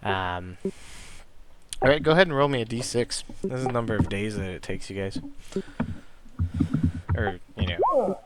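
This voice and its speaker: A young man running a tabletop game as game master, narrating in a rambling way with many pauses and restarts. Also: lowish voice, sing-song, noisy background. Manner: rambling, full of ums and restarts.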